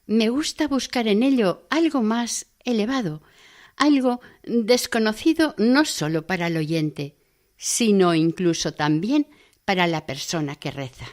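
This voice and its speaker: A woman voicing a learned man who patiently teaches about prayer, in a calm, reverent, instructive tone. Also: medium pitch, a little slow, close to an everyday voice.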